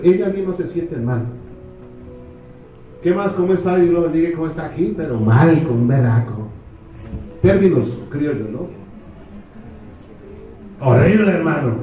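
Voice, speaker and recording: A man's voice: on the high side, mellow. A man preaching a fervent sermon, firing off rhetorical questions to the congregation. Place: church hall. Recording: echoey hall, distant mic.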